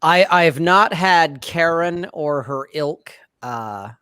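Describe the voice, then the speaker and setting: A man co-hosting a casual video-call show, talking in a laid-back, blunt way and often clearing his throat. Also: fairly high pitch, animated, takes it slowly, sharp tone, no room sound, clean studio sound. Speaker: podcast co-host. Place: home room, indoors.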